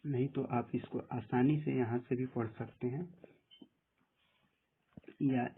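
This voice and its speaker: Tutorial presenter: husky man, flat delivery, tinny phone-like audio, plain step-by-step walkthrough. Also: mid-range voice, slow. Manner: plain step-by-step instructions, often saying "dekhiye". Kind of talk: screen-recorded app tutorial.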